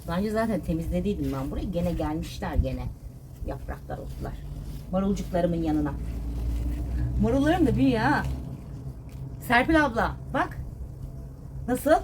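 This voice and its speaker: A woman's voice: on the low side, sing-song, moderate pace, pauses often, noisy background. A woman vlogging casually as she cleans and gardens, chatting to her viewers, her pets and her plants. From Turkey. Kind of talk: casual chat while doing chores. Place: home and garden.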